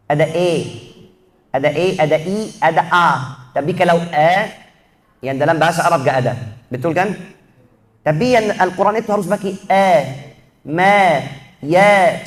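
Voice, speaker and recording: This Quran recitation lesson takes place in a mosque, taught by a high-voiced man from Egypt who speaks Arabic as his first language. His method is slow sound drilling, wrong-versus-right contrasts, and chanted samples.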